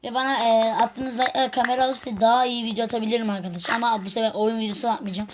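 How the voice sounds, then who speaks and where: A woman giving casual game commentary to her viewers, halting and restarting often, with a somewhat muffled voice recorded on a phone. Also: on the high side, little pitch movement, a little hiss or hum. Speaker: gaming video creator.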